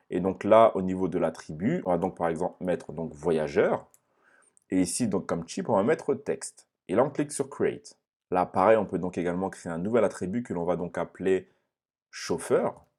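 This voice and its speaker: A young man giving a step-by-step screen-share software lesson, often pausing to check in with "ok?". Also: sits low, slightly rough. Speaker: online course instructor.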